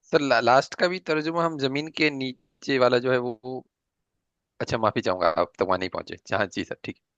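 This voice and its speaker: A man's voice: medium pitch, fairly bright tone, no room sound. Polite hesitant male student. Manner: polite, hesitant, many acknowledgements. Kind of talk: asking questions in a class. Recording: dull dry online-call audio.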